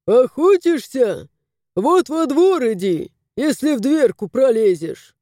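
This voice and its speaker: A woman's voice: high-pitched, very animated, takes it slowly, warm tone, dry recording, studio quality, exaggerated voice. A woman voicing a wry, teasing male house spirit in an audiobook. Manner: mocking, teasing.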